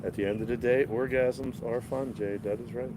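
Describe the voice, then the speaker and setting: The speaker is a congested male streamer with a mid-range voice, fairly even intonation and normal speed. He hosts a casual, rambling live-stream chat in a garden outdoors, talking to viewers while walking with his phone camera. Faint street noise can be heard behind him.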